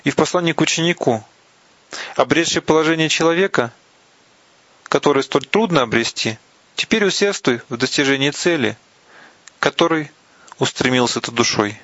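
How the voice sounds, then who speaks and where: A man giving a slow, deliberate reading of a religious text, pausing between phrases and sometimes restarting a word. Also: on the high side, animated, a bit bright, dry recording. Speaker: reader of Buddhist teachings. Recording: dull, lo-fi, dry recording.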